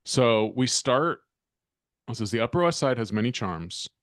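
A man's voice: mid-range voice, lively intonation, measured pace, fairly bright tone, no room sound, clean studio sound. A man co-hosting a podcast in casual chat, rambling and laid-back with plenty of filler words. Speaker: podcast co-host.

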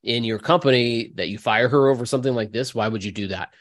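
A male podcast host talks through the news conversationally. His pitch is in the middle range, and the recording is close and dry. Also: fast, no echo. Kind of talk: casual conversational news talk.

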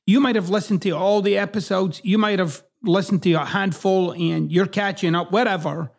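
High-pitched with vocal fry, this man keeps a steady tone at normal speed. He's a middle-aged podcast host from Scotland whose accent has partly Americanized, and his casual monologue is blunt, emphatic, and full of swearing.

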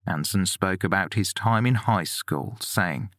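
A man reading a scripted true-crime narration in a measured, sober way. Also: deep voice, fairly bright tone, dry recording, studio quality.

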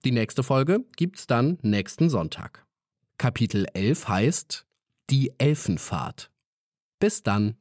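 A man's voice: medium pitch, very animated, takes it slowly, a little mellow, no echo, studio quality. A man as podcast host, giving a friendly outro and speaking directly to listeners.

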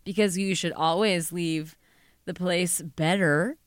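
A young woman trades stories on a casual podcast, poking fun at herself and slipping into quick put-on voices for the people she quotes. Her voice is smooth and clear. The sound is close and dry. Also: fairly low pitch, fairly even intonation, no echo. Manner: joking, self-deprecating storyteller who acts out quotes. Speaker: podcast co-host. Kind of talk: casual chat.

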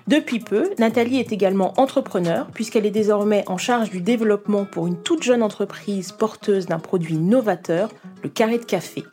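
A woman hosts a podcast in a friendly tone and asks her guest open questions. Her voice sits at a mid pitch for a woman, with soft music faintly behind her. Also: brisk, hardly any pauses. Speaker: podcast host. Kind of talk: podcast intro and interview.

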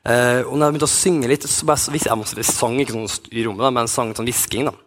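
A man in his thirties, a youth pastor, telling a personal story in a sermon with many restarts and fillers. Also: medium pitch. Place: church hall.

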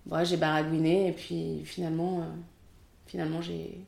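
A woman's voice: deep voice, little pitch movement, normal speed, vocal fry, a little mellow, echoey room, slight background noise. A French woman in her thirties, a film assistant director, chatting candidly in an interview with many fillers. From France. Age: 30s. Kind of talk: casual interview.

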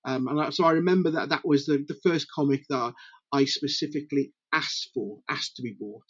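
A middle-aged man from Britain chatting as an interview guest, halting and repeating words as he goes. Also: a little high, fairly bright tone, breathy edge, dry recording, muffled recording. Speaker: podcast guest, comics publisher. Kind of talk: casual interview chat.

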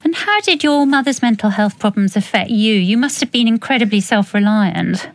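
Woman, interview host, mid-range pitch, dry studio-like sound, conversational questioning. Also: animated, normal speed, no room sound.

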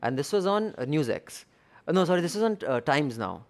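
A man's voice: a little high, sing-song, fairly quick. A man with an Indian accent hosting a conversational discussion of the news. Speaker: discussion host.

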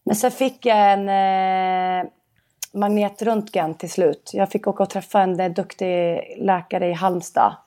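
A young woman chats as an interview guest and recounts events with plenty of animation. She keeps slipping into the voices of the people in her story and plays out their exchanges. Her voice sits at an ordinary middle pitch. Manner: animated storytelling, acts out quoted dialogue. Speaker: interview guest, padel player. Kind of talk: casual interview.

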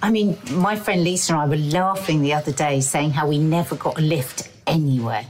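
A woman's voice: deep voice, brisk. A woman in her fifties, a mother co-hosting a parenting podcast, chatty and emphatic, laughing easily. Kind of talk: casual chat.

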